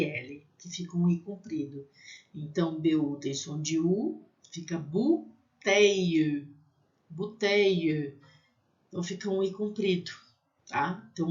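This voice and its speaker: A teacher giving a pronunciation lesson, spelling out letters and repeating each word slowly. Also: medium pitch, darkish tone, highs cut off.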